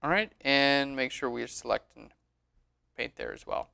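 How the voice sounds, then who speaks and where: A man giving a relaxed, chatty screen-recorded tutorial on photo editing, often saying "all right". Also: mid-range voice, measured pace, vocal fry.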